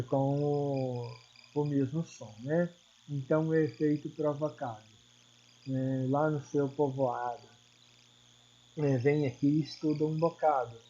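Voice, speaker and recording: A man's voice: medium pitch, mellow, dull audio. A man with a Brazilian Portuguese accent, a teacher explaining a recorded video lesson patiently, with many fillers and repetitions.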